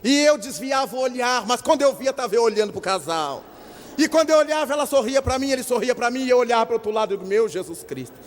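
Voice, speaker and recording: An older man from Brazil, telling an animated story at a lecture and acting out the dialogue in shifting voices. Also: very high-pitched, fast talker. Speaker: spiritist lecturer. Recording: long hall reverb.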